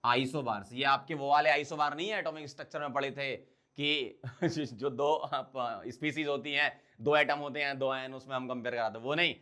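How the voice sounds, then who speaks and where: Bright-voiced male chemistry teacher lecturing. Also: mid-range voice, steady tone, moderate pace, clean tone. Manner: asks students questions and answers them himself; mixes Hindi with English technical terms. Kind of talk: blackboard lecture.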